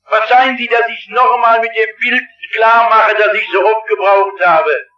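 In an old, distant recording from a large hall with an audience, a pastor preaches an impassioned sermon and often cries out. His high voice is steady at normal speed, the audio is dull, and he is partly Swabian in origin.

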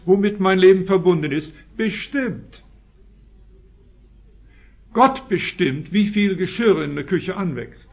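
A man with a Swiss German accent preaching a sermon, stressing key words with sudden loud rises and then dropping to quiet asides. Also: high-pitched. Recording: dull lo-fi recording.

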